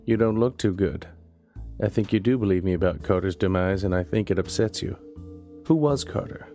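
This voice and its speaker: A man narrating and voicing a private investigator in a noir audio drama, with a dry, deadpan wit. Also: low voice, moderate pace, faint music behind.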